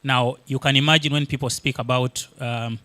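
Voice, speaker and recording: This Luganda-speaking Ugandan man is presenting at a conference, walking through points one at a time while filling pauses and starting sentences over. He talks at a moderate pace in a medium pitch, his intonation fairly even, and the tone comes across pushed and bright. There's no room sound.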